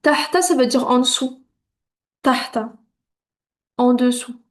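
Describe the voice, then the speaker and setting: A woman teaching beginners to read, patient and reassuring, sounding out syllables one at a time and checking in often. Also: high voice. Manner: patient, repeats syllables slowly and clearly. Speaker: Arabic reading teacher. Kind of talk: beginner lesson.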